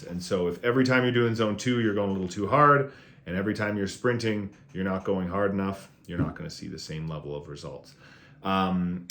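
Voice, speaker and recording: A man's voice: sits low, fairly bright tone. A man, a fitness coach, giving a casual weekly training review in a conversational, encouraging way, with lots of fillers.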